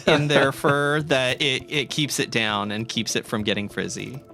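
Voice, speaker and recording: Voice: mid-range voice, fairly even intonation, unhurried, sharp tone. A podcast host and game master chatting casually and playfully with a tabletop group.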